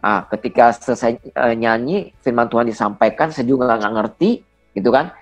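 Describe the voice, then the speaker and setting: A man's voice: medium pitch, normal speed, faint music behind. A man around forty, a pastor, giving an earnest personal testimony in conversation, speaking emphatically with a slight stammer. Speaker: pastor, guest.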